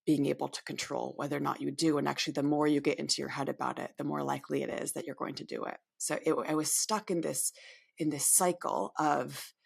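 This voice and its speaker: Husky and low-pitched with vocal fry, this woman talks a little fast in a level tone. She's in her thirties, from upstate New York, and appears as a podcast interview guest, speaking candidly and reflectively and frequently restarting her words.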